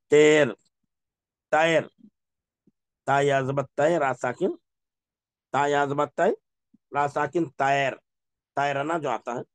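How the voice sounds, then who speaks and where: A man teaching an Urdu reading class, drilling words slowly, repeating each one and asking the class questions. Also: a little high, no echo. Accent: Pakistani Urdu. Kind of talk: Urdu reading lesson, drilling word pronunciation.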